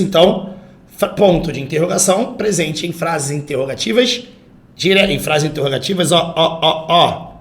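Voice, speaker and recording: A man with a Brazilian accent teaching an online grammar class, lively and emphatic, acting out example sentences. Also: fairly high pitch. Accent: Brazilian Portuguese. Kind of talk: online exam-prep grammar lesson.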